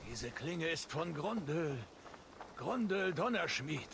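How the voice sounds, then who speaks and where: A man's voice: on the high side, animated, takes it slowly, gravelly, a crowd in the background, full character voice. An actor playing a boastful Norse warrior who rambles on while talking in his sleep, in a video game. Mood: dreamy, bragging. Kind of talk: video game character dialogue. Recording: game audio with outdoor background noise. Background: outdoor game ambience.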